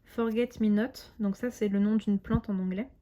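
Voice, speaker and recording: A woman's voice: medium pitch, fairly even intonation, moderate pace, mellow, muffled recording. A woman doing a casual unboxing, chatty and enthusiastic with frequent hesitations, reading out card names and translating them. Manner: reads English card names aloud with translations. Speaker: tarot and oracle deck reviewer.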